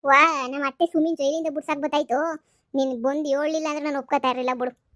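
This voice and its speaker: A woman's voice: high voice, steady tone, a bit bright, no echo, studio quality. A woman voicing a naive young village wife who frets and complains. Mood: fretting. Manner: rustic village dialect, complaining, drawn-out sighs.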